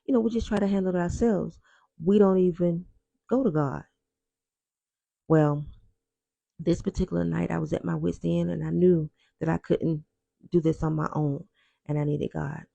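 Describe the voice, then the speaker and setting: Gravelly man telling a personal testimony. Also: a little high, little pitch movement, warm tone, no room sound. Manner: earnest and reflective, with halting repeats.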